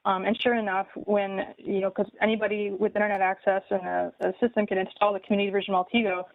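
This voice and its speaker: A woman's voice: mid-range voice, little pitch movement, quick pace, gravelly, no room sound. A woman giving a detailed, methodical public comment at a city meeting. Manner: detailed, methodical, with many ums. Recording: tinny phone-like line.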